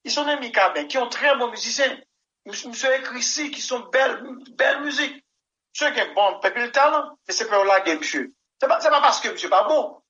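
Casting: man, musician guest, high and very bright voice, rambling and emphatic, dull lo-fi recording. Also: animated, a little fast. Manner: rambling, emphatic, keeps saying "mon cher". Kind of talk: interview answers.

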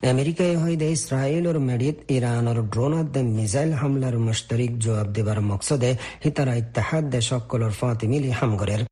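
A man presents scripted news in the manner of an AM and shortwave radio announcer. He has a Rohingya accent and a medium-pitched voice with a lightly husky grain. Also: brisk, few pauses, dark tone.

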